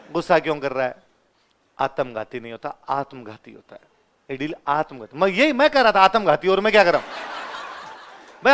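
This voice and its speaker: A young male teacher with a Ganganagar-area Rajasthani Hindi accent delivers his lecture through animated classroom stories. His voice sits fairly high, and he acts out the dialogue and laughs often as he talks. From Rajasthan, India.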